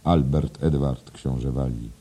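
A man reading a literary audiobook in a measured, even way. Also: extremely low pitch, breathy edge. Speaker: audiobook narrator. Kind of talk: scripted literary narration.

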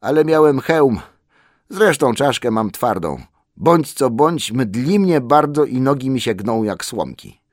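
A small, battered hobbit , put on by a male narrator speaks in a lifted, strained voice, plaintive and rueful, swinging widely in pitch. The sound is dry and close, with no room around it. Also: animated, measured pace, no room sound. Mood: wry. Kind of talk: audiobook character voice.

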